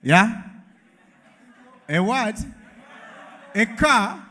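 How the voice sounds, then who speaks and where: A man's voice: high-pitched, sing-song, drawn-out words, pushed and bright. A male event emcee with a Ugandan English accent, teasing the crowd in a playful, laughing way. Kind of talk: lively event hosting. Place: large event hall with live audience. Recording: long hall reverb over a PA.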